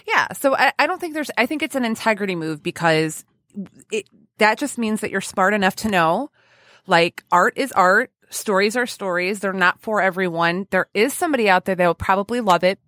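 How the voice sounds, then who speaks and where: A woman hosts a podcast interview in a casual, playful, gushing style full of informal banter. Her mid-range voice is fairly bright, with lively intonation and a normal speaking speed. The sound is clean studio audio with no room sound.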